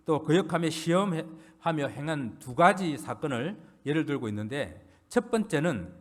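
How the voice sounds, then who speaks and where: A man preaching a Sunday sermon as a pastor, earnest, building emphasis and then dropping low at the ends of phrases. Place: church sanctuary.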